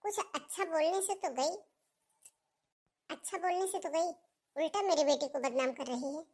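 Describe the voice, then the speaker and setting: A woman playing a shrill, scolding mother-in-law. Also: moderate pace, darkish tone. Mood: accusing. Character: scolding middle-aged mother-in-law, harsh and domineering. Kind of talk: family melodrama acting.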